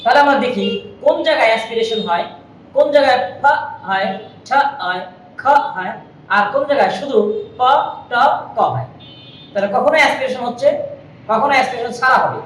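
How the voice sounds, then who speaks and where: A woman with a somewhat high voice teaches pronunciation, slow and patient, and she repeats each example sound over and over. She sits back from the mic in a roomy, echoing space with faint noise underneath. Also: far from the mic. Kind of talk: spoken lesson. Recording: echoey room, voice from off-mic.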